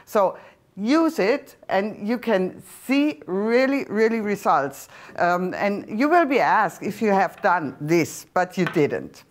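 A middle-aged woman with a German accent, a skincare doctor presenting a serum on a TV shopping channel, explaining in slightly halting non-native phrasing. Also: mid-range voice, sing-song. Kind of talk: TV shopping product demonstration. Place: TV studio set. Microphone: lapel mic.

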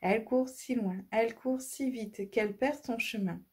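A woman reading a children's audiobook, lively and expressive. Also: a little high, normal speed, husky. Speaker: storyteller.

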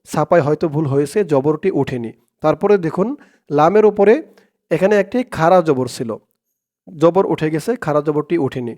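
A man teaching prayer recitation, spelling it out letter by letter and chanting each word slowly and drawn out. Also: a little high, darkish tone. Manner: slow, drawn-out chanting of the Arabic words, brisk plain explanations between.

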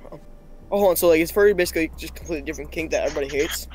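A man rattles off his words quickly in a fairly high voice. He is blunt and crude but laid-back, and he keeps calling people dude on a casual video chat. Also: slight background noise, low-quality recording.

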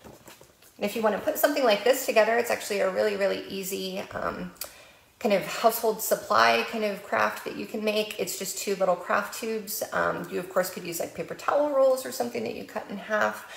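American woman, library storytime host, sing-song and playful, slight vocal fry, echoey room. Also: medium pitch, fairly quick. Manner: playful sing-song when reading, with animal sounds. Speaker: children's librarian. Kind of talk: storytime reading and early literacy tips.

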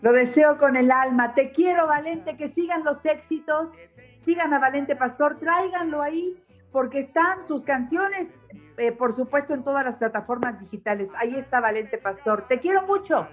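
A woman's voice: sits high, moderate pace, soft background music. A woman with a Mexican accent hosting a radio interview, effusive and affectionate, full of exclamations. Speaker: radio show host.

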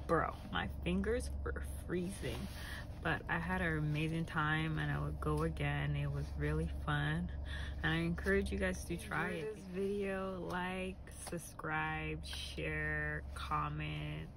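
A woman's voice: low-pitched, steady tone, a little slow, background noise. A young woman chatting casually to the camera as a vlogger, sitting inside a car. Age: young adult.

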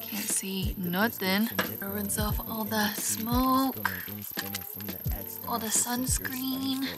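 A woman's voice: a little high, flat delivery, drawn-out words, over loud music. A young adult woman chatting to her handheld camera while camping, telling stories with playful asides to viewers. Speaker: vlogger. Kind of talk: casual vlog chat to camera. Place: campsite outdoors and inside a car. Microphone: camera held at arm's length.

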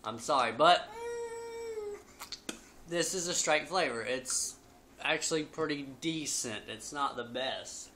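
A man's voice: on the high side, slow pace, pauses often, bright, forceful tone. A man in his twenties giving a casual review as a video host, talking with chewing tobacco packed in his lip. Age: 20s. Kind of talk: casual product review chat. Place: living room at home, indoors. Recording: noisy home webcam recording.

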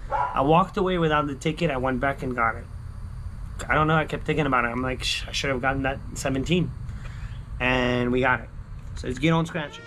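A man's voice: medium pitch, fairly quick, background noise. A man in his thirties chatting casually to viewers as a vlog host, slangy and fond of repeating short catchphrases, recorded outdoors by a backyard pool. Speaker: scratch-ticket video host. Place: outdoors, backyard pool and screened poolside patio.

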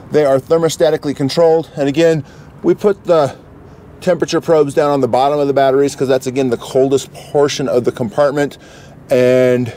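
A man's voice: mid-range voice, dark tone, slight background noise. A man giving a casual, matter-of-fact walkthrough as an RV vlog host.

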